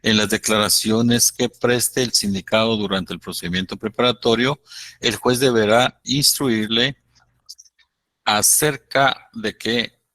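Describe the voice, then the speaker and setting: A man lecturing law students, explaining slowly and acting out courtroom exchanges. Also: fairly low pitch, pushed and bright. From Guatemala. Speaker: law professor. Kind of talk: university lecture.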